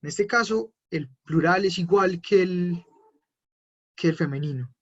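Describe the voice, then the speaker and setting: A man with a fairly high, husky voice teaches a live online language lesson. He explains each point patiently and takes viewers' questions as they come in. The sound is dull and lo-fi, as from a computer mic. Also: unhurried, fairly bright tone. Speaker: German teacher.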